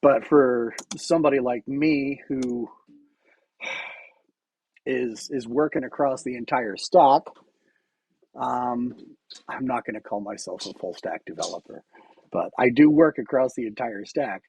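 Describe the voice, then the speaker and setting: A man's voice: medium pitch, a little slow, long pauses, a little mellow, breathy edge. A man streaming his coding work, talking through it casually while typing, often restarting his sentences. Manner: thinks aloud while typing, with frequent restarts and fillers. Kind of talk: casual live-coding commentary.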